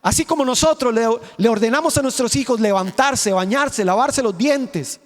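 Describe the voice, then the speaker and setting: A man's voice: very high-pitched, moderate pace. A male pastor preaching a sermon, emphatic, firing rhetorical questions and stretching out key words. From Costa Rica. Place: church sanctuary. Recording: reverberant church hall.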